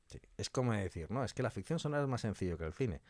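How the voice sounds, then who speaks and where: A man with a low, a little mellow voice answers interview questions as a guest, an audio fiction director, talking fast and expressively. He's colloquial and emphatic, repeating key phrases and voicing hypothetical quotes, on a very dry recording with no room sound.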